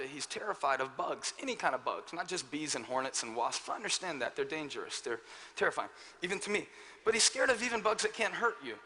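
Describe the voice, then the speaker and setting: High, bright-voiced preacher shouting in a hall. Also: male voice. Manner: animated, building to shouts, self-deprecating asides. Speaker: pastor. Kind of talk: energetic sermon with personal storytelling. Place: large church auditorium. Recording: live church hall with reverb and faint noise.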